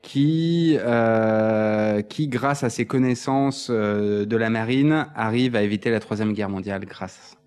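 A man co-hosting a casual film podcast, explaining plots with rambling restarts and deadpan joking asides. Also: fairly low pitch, slow pace, few pauses, clear, resonant tone. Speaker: podcast co-host. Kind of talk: casual film chat, partly read from notes.

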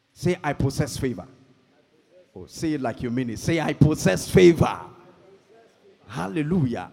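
A man preaching a sermon, slow and emphatic, calling for amens and rising to shouts. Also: on the high side, breathy edge. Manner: call-and-response, calls for amens. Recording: long hall reverb.

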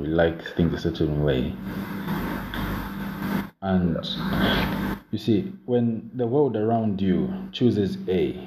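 A young man in a casual podcast discussion, explaining his opinions step by step and repeating himself. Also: low-pitched. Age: young adult. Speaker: podcast co-host. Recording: roomy, muffled, noisy home recording.

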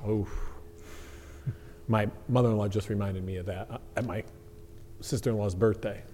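A man's voice: on the low side, steady tone, moderate pace, dark tone. A man in his forties hosting a podcast, upbeat as he reads out questions to his guests. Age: 40s. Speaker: podcast host. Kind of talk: casual interview chat. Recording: echoey room with faint hum.

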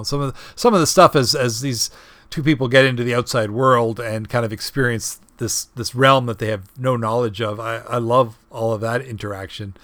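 A man co-hosting a casual film review podcast, talking in a halting way with many restarts and fillers and chuckling often. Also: mid-range voice, a bit bright, dry recording. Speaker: podcast co-host.

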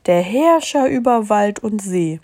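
A woman's voice: medium pitch, animated, darkish tone, no echo, studio quality. A woman doing a cheeky clever storybook hare. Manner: brisk, cheeky, coaxing. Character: clever little hare, cheerful trickster. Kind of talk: reading a storybook aloud.

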